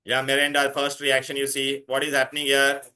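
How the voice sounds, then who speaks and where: Bright-voiced Indian man teaching a class. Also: mid-range voice, completely flat delivery, fairly quick. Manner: insistent, repeating himself and questioning students; mixes Hindi words into English. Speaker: chemistry teacher. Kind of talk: classroom teaching with questions and instructions.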